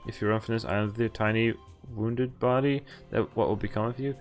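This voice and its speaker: This streamer's voice is lowish and brisk, with fairly even intonation, as he reads through a visual novel and breaks in with dry, offhand quips between lines. Game music runs behind him.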